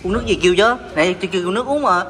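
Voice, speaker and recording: A man's voice: high-pitched, racing, a bit bright. A young man with a southern Vietnamese accent chatting casually as a food vlogger over a meal at a restaurant table. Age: young adult. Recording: music behind the talk.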